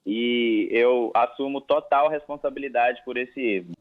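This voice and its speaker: A man from Jamaica heard on speakerphone over a phone line, talking in an earnest, measured way in an interview. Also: mid-range voice.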